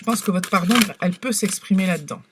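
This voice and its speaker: A woman's voice: fairly low pitch, quick pace, background noise. A woman giving a casual tarot reading to camera, talking hesitantly with lots of fillers and restarts. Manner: hesitant, many fillers and restarts, soft-spoken. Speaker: tarot card reader.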